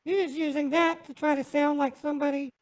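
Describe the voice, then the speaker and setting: A man using a voice changer that turns his voice into a high woman's voice, mocking a scam caller on a prank call. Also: fairly even intonation, brisk, low-quality recording. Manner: mocking, taunting. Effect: voice changer making him sound like a high-pitched woman. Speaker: scam baiter.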